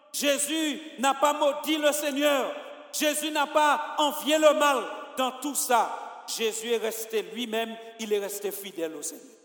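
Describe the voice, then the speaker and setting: High-voiced Martinican preacher in an echoey hall. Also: male voice. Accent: Martinican French. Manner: impassioned, swinging from soft to shouting. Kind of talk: sermon. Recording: echoey hall with long reverb.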